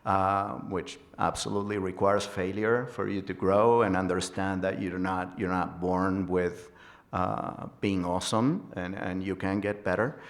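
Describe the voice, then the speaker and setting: A man from Argentina speaks on a conference panel in a low, gravelly voice. He talks haltingly, with frequent fillers and restarts. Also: fairly even intonation. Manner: hesitant, many fillers and repeated words. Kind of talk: panel self-introduction. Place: conference hall stage.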